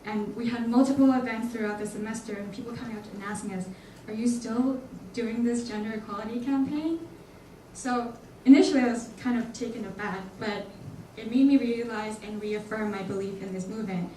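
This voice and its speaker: A young woman from Hong Kong gives an earnest welcome speech as a student organizer. Her voice is mellow and sounds distant, echoing through a large hall. A faint hum of room noise sits underneath. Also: a little high, fairly even intonation, fairly quick. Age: young adult. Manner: earnest, slightly nervous. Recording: echoey hall from far off.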